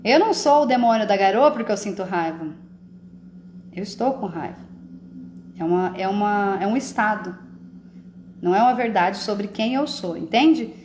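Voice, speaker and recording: A woman's voice: mid-range voice, expressive, normal speed, pauses often, a little mellow, echoey room, slight background noise. A woman hosting a live stream, talking casually about emotions and often checking that listeners follow. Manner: conversational, often asks "entende?".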